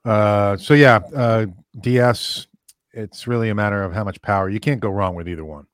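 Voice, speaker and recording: A man hosting a casual podcast, relaxed and agreeable, reading listener questions aloud. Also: on the low side, normal speed, dry recording, studio quality. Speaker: podcast host.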